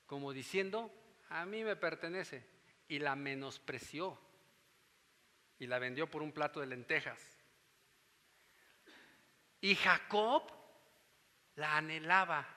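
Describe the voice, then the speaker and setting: High, bright-voiced preacher in a reverberant hall. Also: male voice. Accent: Mexican Spanish. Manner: teaching, checks if listeners follow. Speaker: pastor. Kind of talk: sermon.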